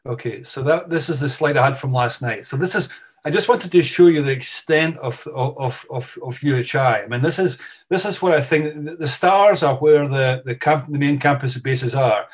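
Scottish professor guy on a video call, mid-pitched voice, lots of restarts and repeated words, thinking out loud. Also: normal speed, slightly rough. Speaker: guest speaker, professor. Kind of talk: online seminar talk.

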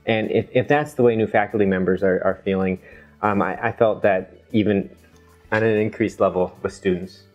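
Earnest low-voiced middle-aged man. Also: steady tone, highs cut off, faint music behind. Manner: earnest, halting, many restarts and ums. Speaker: university administrator, guest. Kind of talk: casual interview.

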